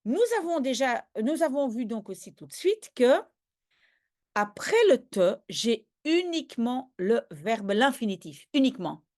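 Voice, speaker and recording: In a grammar video lesson, a woman who teaches languages and speaks Dutch natively takes learners through the material step by step, stopping regularly to confirm they follow. Her voice sits fairly high with large pitch swings, an unhurried pace and a darkish tone.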